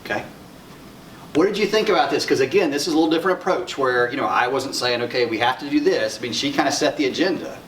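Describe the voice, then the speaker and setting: Fast-talking and a bit bright at a medium pitch, the middle-aged instructor from Arkansas leads his conference workshop with an easy, conversational manner and a local accent, quizzing listeners and repeating what they say. A distant mic captures a roomy conference room with faint noise.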